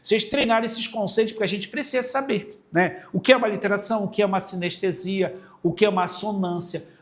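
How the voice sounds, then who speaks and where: Brazilian teacher guy, middle-aged, highish voice, asks and answers his own questions, chatty class vibe. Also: steady tone, fast talker, fairly bright tone. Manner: casual classroom tone, addresses students directly. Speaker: literature teacher. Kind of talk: exam-prep video lesson.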